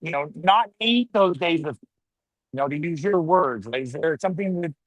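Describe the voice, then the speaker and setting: A slightly high-voiced man asks a long, searching question that he keeps restarting and rewording. His line keeps cutting out, so the ends of his words drop away in choppy gaps. The sound is dry and close, with no room around it. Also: animated, moderate pace, dry recording. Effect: choppy connection cutting out word endings. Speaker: podcast host. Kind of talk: remote video-call interview.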